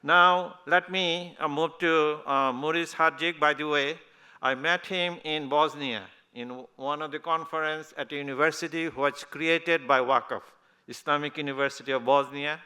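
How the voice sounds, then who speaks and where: Bright-voiced man moderating a panel. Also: on the high side, steady tone, moderate pace, clear, resonant tone. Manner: loose, rambling, laughs easily.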